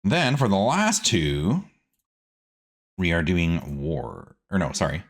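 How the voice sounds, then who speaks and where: A man with a low voice speaks slowly, his pitch swooping wildly as he hosts a casual let's-play gaming video. He chats playfully to himself while playing, tossing in silly words and sing-song asides as game commentary.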